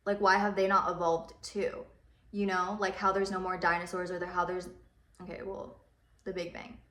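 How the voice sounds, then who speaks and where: A woman's voice: on the low side, level tone, moderate pace, a bit bright. A young woman chatting casually in a rambling, chatty way, swearing now and then while she does her makeup. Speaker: beauty vlogger. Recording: roomy echo.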